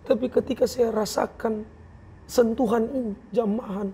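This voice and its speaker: A man's voice: extremely high pitch, steady tone, moderate pace, mellow, a little hiss or hum. A man giving an earnest, emotional personal testimony as an interview guest, acting out the words of others as he tells it. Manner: earnest, emotional, acts out quoted speech.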